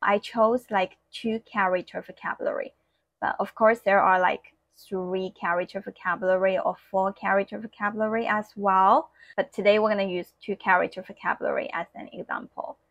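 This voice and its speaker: A woman whose first language is Mandarin Chinese speaks English with a Mandarin accent, teaching an online lesson slowly and clearly and demonstrating tones. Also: medium pitch, fairly even intonation, no echo, dull audio.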